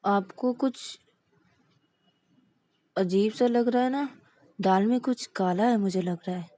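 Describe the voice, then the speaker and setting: A woman voicing a gentle young man who asks soft, curious questions. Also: mid-range voice, slow, no echo.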